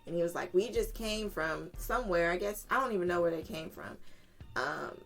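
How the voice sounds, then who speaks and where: A woman's voice: lowish voice, a little fast, creaky, faint music behind. A woman, a podcast guest telling a family story in candid conversation, acting out quoted voices. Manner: animated, acts out quoted voices with swearing and laughter.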